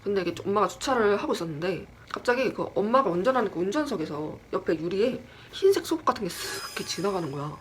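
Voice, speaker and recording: Lively woman telling a scary story. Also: mid-range voice, fast talker, hardly any pauses, a little hiss or hum. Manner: lively, acts out quoted lines; self-deprecating, chatty asides. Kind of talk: casual horror storytelling.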